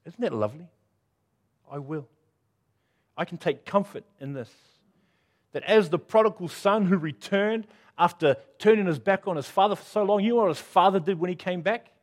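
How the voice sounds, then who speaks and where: A middle-aged pastor preaches a sermon in an earnest, self-deprecating way, moving between loud appeals and hushed moments. His voice sits high and is animated, with normal speed and long pauses.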